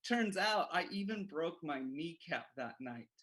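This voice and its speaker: A man giving a devotional as an animated story, full of self-mocking humor, on a livestream. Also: fairly high pitch, unhurried. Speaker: devotional speaker.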